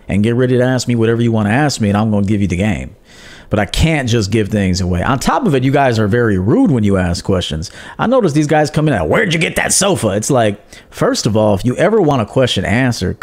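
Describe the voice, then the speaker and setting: A man's voice: medium pitch, a little mellow. Blunt, profane male dating coach. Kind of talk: livestream monologue.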